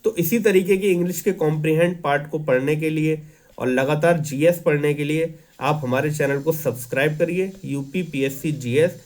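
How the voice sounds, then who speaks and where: A man teaching an exam-prep lesson, reading English lines slowly and then explaining them calmly in Hinglish. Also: fairly high pitch. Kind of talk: Hindi lecture explaining an English editorial.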